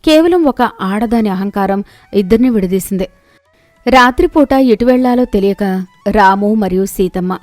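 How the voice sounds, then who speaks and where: A woman narrating a moral tale for an animated storybook in an even, expressive manner. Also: medium pitch, no room sound.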